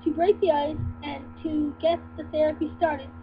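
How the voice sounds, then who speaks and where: A young woman reading dirty jokes aloud in a halting, giggly way, on a lo-fi home recording with hum. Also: sits high, steady tone.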